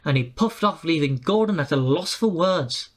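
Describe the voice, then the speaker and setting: A man's voice: a little high, animated, moderate pace. A man reading a storybook aloud and putting on voices for the engines and coaches. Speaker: storybook narrator.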